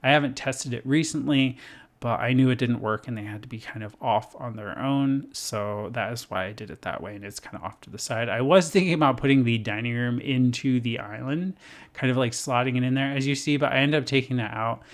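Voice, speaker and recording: Casual male voice-over, mid pitch, gravelly, rambling and chatty. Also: brisk. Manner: chatty, rambling, lots of fillers and self-deprecating laughs. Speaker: Sims builder narrating his build.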